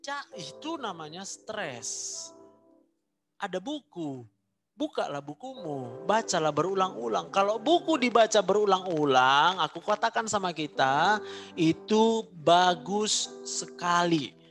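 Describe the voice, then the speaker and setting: A man preaching a sermon, animated, repeating phrases for emphasis. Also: sits high, slow pace, over music.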